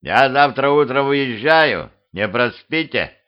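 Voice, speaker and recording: A man voicing an old village cart driver who groans and grumbles in a drawn-out way, in a self-made audiobook. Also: mid-range voice, sing-song. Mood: grumbling. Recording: dull lo-fi home recording.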